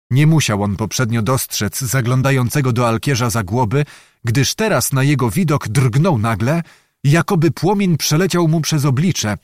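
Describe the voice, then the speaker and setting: A man narrating an audiobook in an expressive reading voice. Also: medium pitch, no room sound, studio quality.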